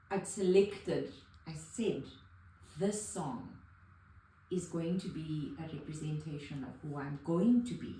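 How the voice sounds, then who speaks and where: A woman's voice: lowish voice, warm tone. A middle-aged woman in a casual conversation, telling about her therapy journey in an emotional, rambling way full of restarts. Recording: very echoey room, distant mic.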